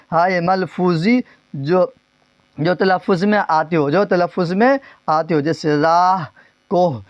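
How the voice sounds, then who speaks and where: A male teacher giving a grammar lesson, asking questions and repeating the answers, drawing some words out slowly and rushing through others. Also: high voice, no echo, lo-fi sound. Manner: drills terms, asks and repeats answers; stretches words slowly, then speeds up.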